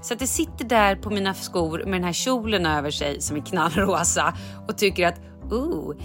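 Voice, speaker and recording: A woman's voice: lowish voice, fairly bright tone, soft background music. A woman hosting a podcast in casual chat, telling a story with animation and acting out her own lines. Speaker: podcast host.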